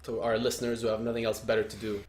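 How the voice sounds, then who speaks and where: Joking soccer coach from Lebanon, echoey room. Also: male voice, lowish voice, flat delivery, racing. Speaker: podcast co-host, soccer coach. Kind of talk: casual podcast chat.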